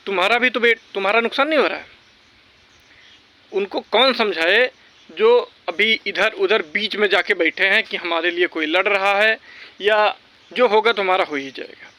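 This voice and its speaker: His voice sits high, bright and forceful. This vlogger shares recruitment exam updates in a casual, strongly opinionated way aimed straight at viewers, spurring them on and restating his points to drive them in.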